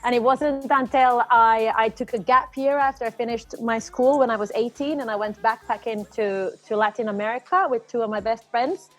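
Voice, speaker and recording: A woman's voice: on the high side, moderate pace, hardly any pauses, faint music behind. A young woman from Finland, a drummer, telling her story in a chatty, upbeat way as an interview guest. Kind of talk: casual interview chat.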